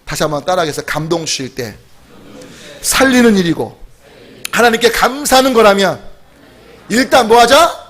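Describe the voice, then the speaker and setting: A middle-aged man, a pastor, preaching a sermon and telling stories with acted-out dialogue. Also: high voice. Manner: lively storytelling, acting out dialogue.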